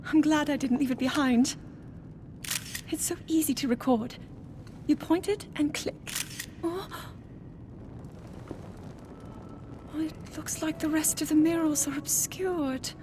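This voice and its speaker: A woman playing a young princess scholar in a video game, gentle, earnest and curious, speaking softly and precisely. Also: high voice, fairly even intonation, normal speed, background noise, close to an everyday voice. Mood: curious, composed. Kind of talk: video game cutscene voice acting. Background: music.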